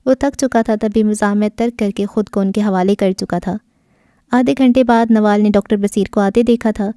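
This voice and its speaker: A woman's voice: mid-range voice, mellow, no echo, clean studio sound. A woman narrating an audio novel, reading steadily and expressively.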